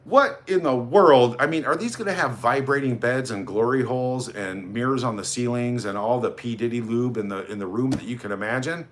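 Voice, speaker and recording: A man chatting on his own livestream in a sarcastic, mocking tone. His voice sits in a middle register and swings between loud, high outbursts and low mutters as he reads out viewer names. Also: fairly quick, few pauses. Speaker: livestream host. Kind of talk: casual livestream chat.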